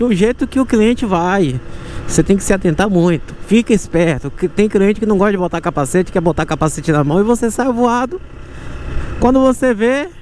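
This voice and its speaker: A man in his thirties with a Bahian accent from Salvador, chatting casually and slangily as a motorcycle taxi vlogger. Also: high-pitched. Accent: Bahian Brazilian Portuguese, Salvador. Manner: slangy, animated street talk. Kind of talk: casual vlog chat. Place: outdoors on city streets, mostly riding a motorcycle. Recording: outdoor noise, traffic and vehicle sounds.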